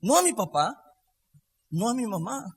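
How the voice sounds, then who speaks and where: A man preaching a sermon with emphasis, shifting between quiet lines and loud, half-sung phrases. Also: high-pitched, sing-song, normal speed, husky. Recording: long reverb of a large hall.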